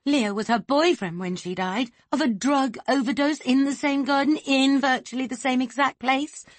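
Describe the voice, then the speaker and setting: Woman doing a teenage girl, agitated, gabbling, high, loud. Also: no echo, lightly acted. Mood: pleading. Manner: fast, breathless, insistent.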